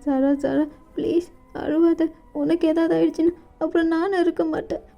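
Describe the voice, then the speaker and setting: A woman voicing a shaken young female friend who speaks high and slow, breaking up as she cries, in a storybook reading. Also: creaky, dark tone. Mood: consoling. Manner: raised pitch, slow broken delivery when crying. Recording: dull lo-fi recording with faint music.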